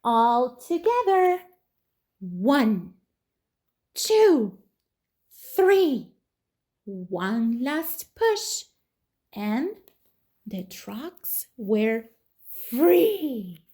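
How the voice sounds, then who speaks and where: A woman reading a children's storybook aloud as a toddler teacher, in an expressive manner. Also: on the high side. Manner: slow, animated, expressive.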